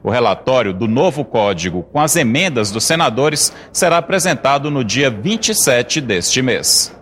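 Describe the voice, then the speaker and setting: A Brazilian man delivering a scripted news report in a steady, formal tone. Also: medium pitch, moderate pace, a little hiss or hum. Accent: Brazilian Portuguese.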